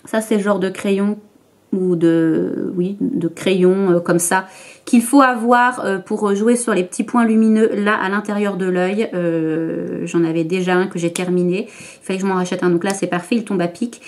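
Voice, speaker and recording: Her voice medium-pitched, steady and somewhat dark, a woman speaks at a moderate pace as she walks the camera through her makeup routine. This beauty vlogger's tutorial talk is chatty and hesitant, full of fillers and restarts.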